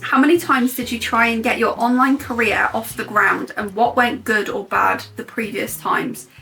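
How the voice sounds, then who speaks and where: Woman asking questions casually, sharp bright tone, noticeable vocal fry, light music behind. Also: on the high side, steady tone, moderate pace, low-quality recording. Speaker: off-camera question reader.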